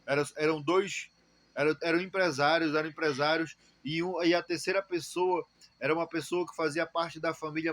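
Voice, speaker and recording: A man with a Brazilian accent giving a church testimony in a halting way, repeating words and exhorting listeners. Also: fairly high pitch, fairly bright tone, no echo. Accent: Brazilian Portuguese. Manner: preaching exhortation. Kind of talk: spoken testimony.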